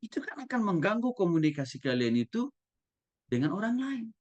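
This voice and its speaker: A man's voice: high-pitched, a little fast, highs cut off. A male pastor giving a teaching sermon, asking his listeners questions and acting out examples. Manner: lively, asks listeners questions, acts out examples.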